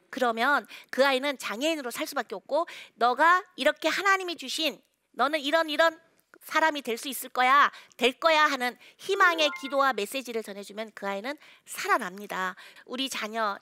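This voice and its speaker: Animated high-voiced woman counselor. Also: no room sound. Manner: acts out parents and children in raised and hushed voices. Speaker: counselor and therapist giving a lecture. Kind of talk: lecture to an audience. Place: lecture stage.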